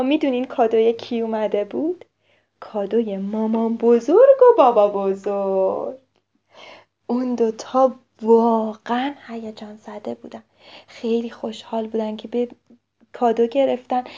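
A woman narrating a children's story, speaking to the kids directly and often dropping into soft whispers. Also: a little high. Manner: animated, drops into soft whispers, asks the children questions. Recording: slightly dull lo-fi recording.

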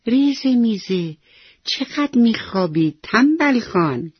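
A woman's voice: a little high, big pitch swings, slightly rough, no echo, muffled recording. A woman voicing the sun in the sky, teasing and urging a lazy seed to wake up and sprout. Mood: coaxing. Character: warm sun in the sky, cheerful, coaxing, persistent.

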